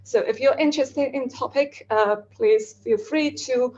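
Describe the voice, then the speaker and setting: A woman's voice: high-pitched, unhurried, a little mellow, muffled recording. A woman finishing a short talk, hesitant with many fillers.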